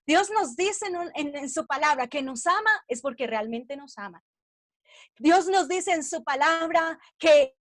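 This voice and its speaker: A woman's voice: high voice, fairly bright tone, no room sound, clean studio sound. A woman preaching a devotional message to women, earnest and personal, weaving in her own testimony and asking her listeners questions.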